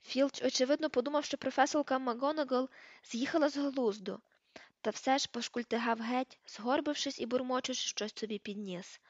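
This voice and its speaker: A woman narrates an audiobook in a high voice at a fairly quick pace, reading page numbers aloud and changing her voice for the characters. The recording is dull, lo-fi and dry, with no room sound.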